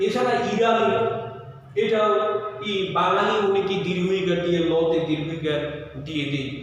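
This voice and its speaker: A male teacher giving a slow lecture on spelling rules, repeating key words as he explains. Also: high-pitched, a little hiss or hum. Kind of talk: classroom lecture. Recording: very echoey room with long reverb.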